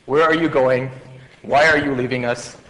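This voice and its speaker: A man's voice: medium pitch, steady tone, normal speed, a bit bright. A man in his forties addresses medical students in a lecture hall, his voice carrying a long reverb tail. He talks casually with jokes, fillers and restarts, over a faint background hum. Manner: conversational, joking, many fillers and restarts.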